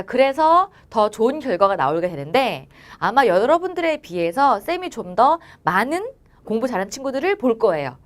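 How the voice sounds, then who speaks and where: A young woman teaching at a cram school, giving a motivational talk to exam students and coaxing them along with frequent check-ins. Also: on the high side. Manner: coaxing, often asks "알겠죠?" and acts out students' and teachers' lines. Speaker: academy teacher.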